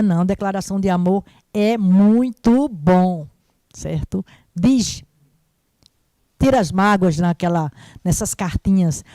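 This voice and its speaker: A woman in her fifties speaks as a mental health professional during a live Q&A. She talks in a conversational, reassuring way and often checks in with her listeners. Her voice is mellow and the recording is dry. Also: mid-range voice, dry recording. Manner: warm, conversational, repeats "né?" and "certo?". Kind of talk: live-stream Q&A answer.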